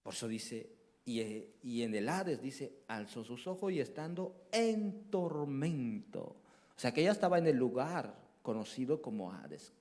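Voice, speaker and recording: A male evangelist preaching a sermon with passion, dropping to hushed murmurs and then rising to loud cries, often putting questions to the congregation. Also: medium pitch, lively intonation, a little slow.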